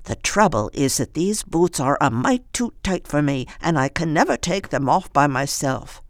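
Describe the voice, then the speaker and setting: A reader voicing an eccentric, cheerful, bossy very old woman in a high, fussing storybook voice. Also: expressive, moderate pace, no echo, studio quality, lightly acted. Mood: chirpy.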